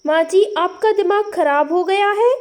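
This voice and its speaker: A woman's voice: very high-pitched, measured pace, darkish tone. Woman voicing a cheeky young city bride. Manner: cheeky, talks back. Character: pampered sharp-tongued young city bride.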